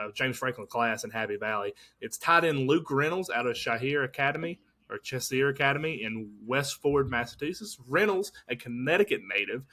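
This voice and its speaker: Bright-voiced young man. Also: mid-range voice. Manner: laid-back, jokey, drawls out names. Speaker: podcast co-host. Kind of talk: casual sports chat.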